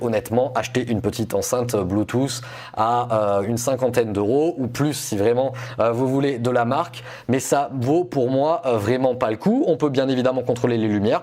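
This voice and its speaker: A man's voice: medium pitch, a little mellow. A man explaining and reviewing gadgets to his viewers in a casual, explanatory way. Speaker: tech reviewer presenting a video test.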